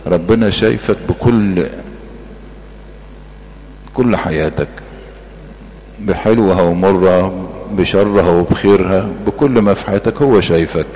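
A man with an Egyptian Arabic accent preaches in a very low voice, earnest and emphatic. He builds his points by repeating short phrases. The sermon rings with long hall reverb over a faint background hum. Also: measured pace, long pauses, a little mellow.

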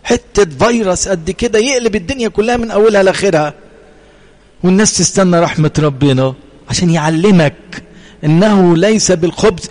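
An Egyptian priest preaching a sermon in a slightly high voice, posing questions to his listeners and answering them himself. His voice carries a long reverb from the church hall around him. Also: darkish tone. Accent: Egyptian Arabic.

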